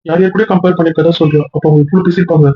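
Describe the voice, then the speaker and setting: A man talks rapidly and earnestly in an upset tone, his pitch held flat and a bit high. The recording is dry and slightly dull. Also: a little hiss or hum. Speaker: husband in a family web series. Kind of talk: emotional web series acting.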